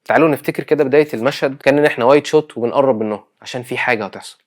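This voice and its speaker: Egyptian man, film tutor, talks very fast, methodical walk-through of a scene plan. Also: mid-range voice. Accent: Egyptian Arabic. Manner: explains step by step, reading script lines aloud. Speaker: filmmaking instructor. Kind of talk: scripted tutorial explanation.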